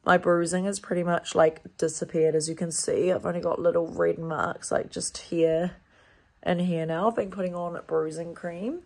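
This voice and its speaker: A young woman from New Zealand talks casually to camera in a small indoor bathroom, her phone at arm's length and the room echoing. Her lowish, darkish voice is nasal and blocked up, with fairly even intonation at normal speed, and she uses lots of "like" and "um."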